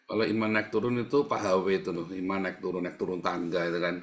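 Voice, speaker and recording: A man's voice: low-pitched, quick pace. Joking, conversational male preacher. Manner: joking, conversational, addressing the congregation. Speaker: pastor. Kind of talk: sermon.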